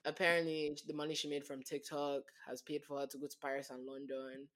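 A woman's voice: low-pitched, brisk. A woman co-hosting a casual podcast, retelling a wild story with lots of laughter and acted-out quotes. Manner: animated retelling, acts out quotes, laughs often. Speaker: podcast co-host.

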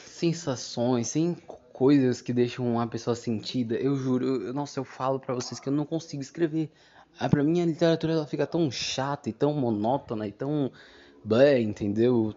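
A young man with a mellow, ordinary middle-pitched voice hosts a casual solo podcast. He rambles, loses his thread and keeps circling back with fillers, and the home recording sounds somewhat dull and lo-fi.

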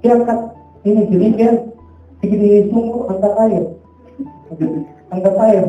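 Male preacher, casual testimony, high and dark-toned, heard from a distance in a booming hall. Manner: casual, repeats filler tags constantly. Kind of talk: sermon testimony. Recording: very echoey hall, far from mic.

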